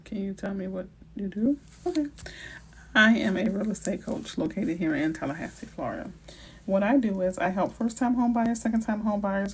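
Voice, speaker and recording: Her voice mid-range and slightly rough, a middle-aged realtor from New Orleans, Louisiana, chats playfully on a live stream, fielding viewer questions with slang and asides in her New Orleans accent. The recording is low quality.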